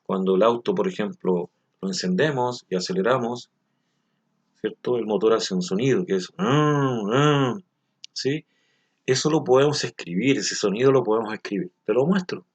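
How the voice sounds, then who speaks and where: A man's voice: on the low side, breathy edge. A man teaching a recorded lesson, explaining things patiently and often stopping to ask whether the listener follows. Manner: patient, explains slowly, asks frequent check questions. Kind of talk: recorded language lesson for children.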